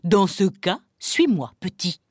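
A woman's voice: fairly low pitch, big pitch swings, slow, no echo, studio quality, exaggerated voice. A woman voicing the giant, stern wife of an ogre, brusque and bossy.

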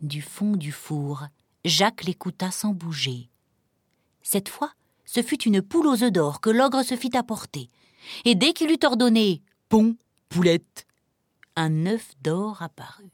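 A woman reading a fairy tale aloud with an expressive storytelling manner. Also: medium pitch, unhurried, no room sound, clean studio sound.

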